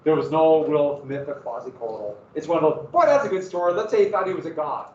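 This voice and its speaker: With lively intonation and a slightly fast pace, a teacher with a Montana accent and a somewhat high voice lectures on history. He's casual, rambling, and self-deprecating. The distant classroom recording is echoey and dull, with a little hiss or hum.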